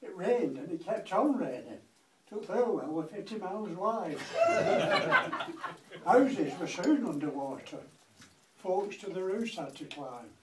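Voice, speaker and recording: A grandfather in his eighties with a Lancashire accent recites a comic verse monologue in a dry, rhythmic way. His high voice swings hugely in pitch and moves slowly, captured by a distant mic in an echoey room with faint noise.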